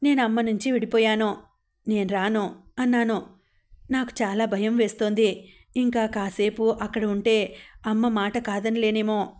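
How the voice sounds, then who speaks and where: A woman narrating a novel aloud in the first person, with expressive storytelling. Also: a little high, moderate pace. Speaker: audiobook narrator. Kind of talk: audiobook novel reading.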